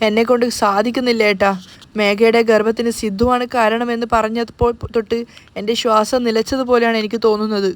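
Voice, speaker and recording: A woman's voice: a little high, little pitch movement, fairly quick, close to an everyday voice. Woman reading as a weeping, fearful mother. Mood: grieving. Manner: tearful, pleading. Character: grieving middle-aged mother, fearful.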